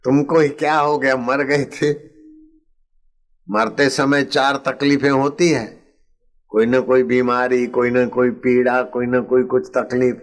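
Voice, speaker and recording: Older male preacher, slow deliberate delivery, chants refrains, acts out story voices. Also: mid-range voice, level tone. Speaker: spiritual preacher. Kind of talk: satsang sermon with storytelling.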